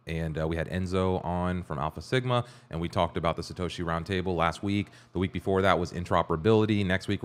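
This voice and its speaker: A young man with a very low voice hosts a casual podcast stream. He sounds upbeat and loose, chatting easily and greeting viewers as he goes. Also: smooth. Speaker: podcast host. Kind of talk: casual livestream podcast hosting.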